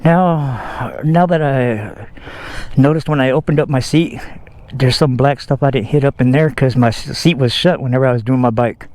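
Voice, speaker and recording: A man's voice: mid-range voice, normal speed, a little mellow, dry recording. A man casually vlogging about his scooter outdoors, rambling in a folksy way with fillers and self-corrections. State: out of breath. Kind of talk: casual vlog talk.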